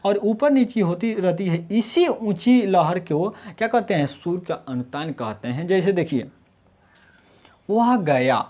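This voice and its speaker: A man giving a grammar lesson, often asking rhetorical questions and answering them himself, and sounding out letters slowly to demonstrate. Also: high voice, lively intonation, warm tone. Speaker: Hindi grammar teacher. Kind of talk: explanatory online lesson.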